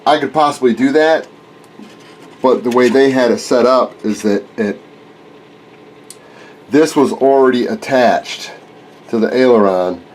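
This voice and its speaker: Congested from a cold, this fortyish RC plane hobbyist and channel host chats in a rambling, self-correcting way for a casual vlog from his home workshop. His mid-range voice is a little mellow. The handheld camera is held close, and the low-quality audio carries a little hiss or hum.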